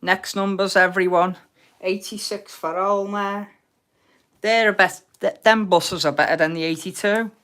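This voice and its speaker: A woman's voice: mid-range voice, steady tone, measured pace, a bit bright. A British woman hosting an online game in casual chat, with cheeky, informal banter as she calls out players and numbers. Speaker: host of an online bingo game.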